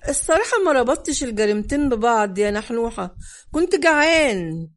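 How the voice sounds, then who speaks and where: A woman's voice: sits high, fairly quick, lightly acted. A woman voicing a drowsy, offhand Egyptian cop. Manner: sleepy, offhand. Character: drowsy, laid-back male police officer on the phone.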